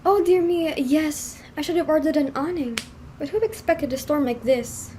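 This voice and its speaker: Lady doing a fussy rich hostess mom in a play, high but soft-toned voice, super dramatic and frazzled. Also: normal speed, slight background noise, lightly acted. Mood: flustered, indignant. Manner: theatrical, exclamatory, fretful. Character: fussy, snobbish, scheming middle-aged society hostess and mother.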